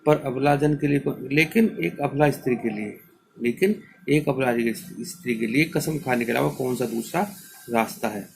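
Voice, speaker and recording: A man teaching a class, reading lines of verse slowly and then explaining them in an earnest, instructive way. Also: medium pitch, creaky, a little hiss or hum, rough recording. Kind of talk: poetry recitation and explanation lesson.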